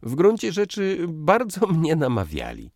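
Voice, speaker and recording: A man's voice: low voice, wildly swooping pitch, normal speed, darkish tone, no room sound, clean studio sound, voice pushed up, exaggerated voice. A man voicing a smug young graduate in a lightly raised, teasing voice.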